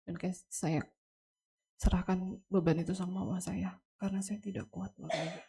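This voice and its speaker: A young woman giving an earnest, halting personal testimony to a congregation at a memorial service, speaking straight to the listeners. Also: fairly low pitch, fairly even intonation, creaky, warm tone, breathy edge. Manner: earnest, halting, addresses listeners as Bapak Ibu. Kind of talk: emotional spoken testimony to a congregation.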